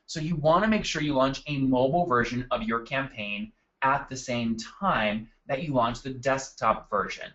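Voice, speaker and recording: A man's voice: mid-range voice, moderate pace, few pauses, a bit bright, highs cut off. A man hosting a live marketing webinar from his desk, upbeat and chatty, calling on attendees by name. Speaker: webinar host. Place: at a desk indoors.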